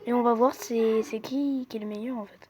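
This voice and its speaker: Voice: mid-range voice, fairly even intonation, brisk, dark tone, muffled recording, a little hiss or hum. A young speaker giving casual, slangy commentary while playing a quiz game on a phone, chatting to viewers. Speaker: gamer playing a quiz app. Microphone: phone microphone.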